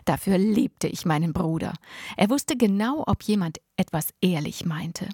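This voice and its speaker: Woman narrator, first-person audiobook, expressive, close dry sound. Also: on the low side, normal speed, breathy edge, no echo. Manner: lively, expressive reading.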